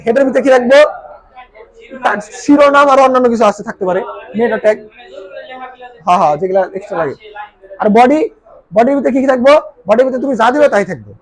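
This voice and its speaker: Quick, high-voiced teacher. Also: male voice, expressive. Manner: quizzing questions he answers himself. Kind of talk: recorded class lecture.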